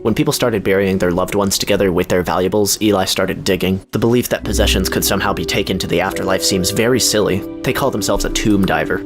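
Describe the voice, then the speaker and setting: A man's voice: sits low, fast talker, few pauses, music in the background. A man giving casual let's-play commentary, chatty and giggly, reading game text aloud. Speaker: gaming YouTuber.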